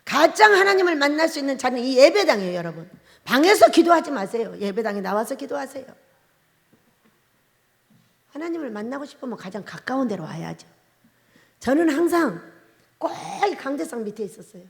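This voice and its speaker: A woman's voice: high voice, sing-song, a little fast, pauses often. A woman pastor preaching a sermon, pressing the congregation with questions. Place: church sanctuary at the pulpit. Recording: long church reverb with faint keyboard.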